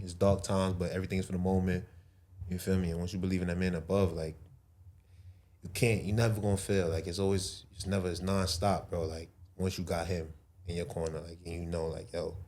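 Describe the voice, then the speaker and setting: A Brooklyn, New York man in his twenties, a guest entrepreneur, talks loosely on a podcast in a low, mellow voice. His speech is full of street slang and fillers, and he says "bro" a lot.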